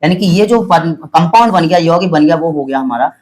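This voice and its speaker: On a low-quality recording, a man with an animated, slightly mellow voice on the high side teaches chemistry step by step. He patiently says things more than once and calls students "beta" while checking their understanding. Chemical formulas are spelled out slowly.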